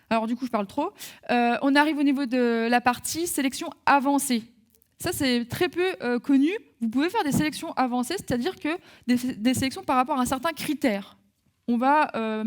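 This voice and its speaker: A woman giving a live software training webinar, talking through steps with many fillers and restarts. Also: fairly high pitch.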